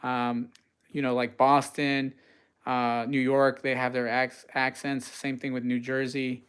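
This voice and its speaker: A man's voice: mid-range voice, completely flat delivery, a little slow, a bit bright. A man from the US West Coast hosting a live cast iron cooking stream, chatting casually and reading out viewer comments with many uhs. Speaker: cooking channel host.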